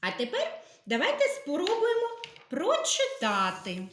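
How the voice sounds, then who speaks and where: A woman teacher giving a literacy lesson to young children, patiently sounding out letters and syllables with careful, gentle instructions. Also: very high-pitched, huge pitch swings, unhurried, roomy sound, slight background noise.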